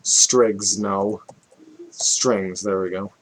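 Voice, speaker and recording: A man talks at an unhurried pace through a relaxed music tutorial, stopping to think and correct himself as he goes. His pitch sits in an ordinary middle range, and bits of music play behind him. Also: a little hiss or hum. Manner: relaxed, thinking aloud with fillers and self-corrections. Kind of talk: casual screen-recorded music tutorial.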